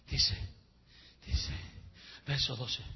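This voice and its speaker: A male pastor preaching a sermon into a handheld mic in a church, swinging between hushed passages and shouted climaxes. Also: very slow, highs cut off.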